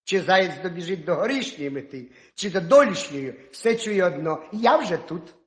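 A man tells a folk tale to children with a lively, expressive delivery. His voice sits fairly high and swings widely in pitch. The room around him rings with echo. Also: normal speed. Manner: animated, expressive storytelling. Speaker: storyteller.

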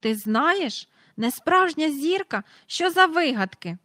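An excitable middle-aged father, voiced by a woman reading aloud, bursting with exclamations in a storybook. The delivery is pitched high and loud, tumbling with breathless wonder. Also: slow, no echo, studio quality, full character voice. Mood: excited.

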